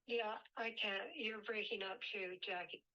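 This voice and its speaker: A woman reads her prepared talk over a remote call, steady and measured in her delivery. Her call audio keeps breaking up and dropping out. The line is dull and lo-fi. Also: medium pitch. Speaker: whale researcher presenting remotely.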